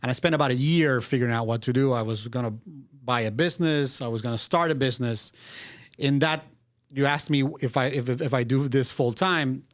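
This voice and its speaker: A middle-aged man from Venezuela, a guest business consultant, telling his story in a measured, reflective way with frequent restarts. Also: medium pitch, no echo, clean studio sound. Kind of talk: casual interview.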